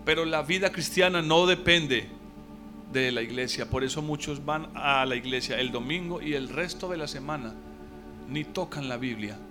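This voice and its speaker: A man's voice: fairly high pitch, normal speed, over music. A man preaching a sermon to his congregation, emphatic, drawing out key words and posing rhetorical questions.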